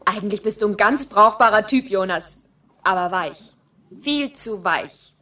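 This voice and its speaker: A woman's voice: medium pitch, expressive, unhurried, sharp tone. A woman voicing Anna, a bold, mocking gang leader in a radio play. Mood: taunting. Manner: taunting, self-assured.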